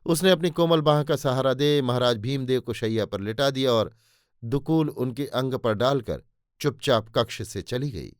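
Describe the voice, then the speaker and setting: A man's voice: medium pitch, normal speed, dry recording, studio quality. A man narrating a historical novel in Hindi as an audiobook, voicing the characters' dialogue with feeling. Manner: voices the characters' dialogue with emotion. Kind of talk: dramatic novel reading.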